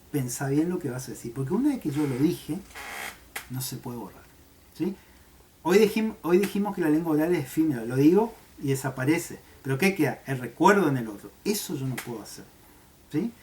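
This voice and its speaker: A male teacher explains a lesson in a relaxed, conversational way. He keeps pausing to check that his students follow, and he gestures as he talks. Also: a little high. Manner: checks understanding with frequent "¿sí?", gestures while talking. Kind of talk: explanatory class video.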